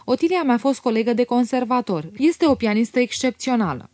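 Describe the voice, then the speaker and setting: A woman's voice: fairly high pitch, very animated, darkish tone, dry recording, clean studio sound, voice pushed up. A woman reading a tactful, refined young woman. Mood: composed. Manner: tactful, composed.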